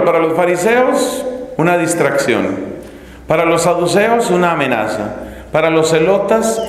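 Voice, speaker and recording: A man from Colombia preaching a teaching sermon, telling stories dramatically and acting out the voices of crowds and characters. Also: on the high side. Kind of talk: classroom sermon. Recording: echoey hall with long reverb.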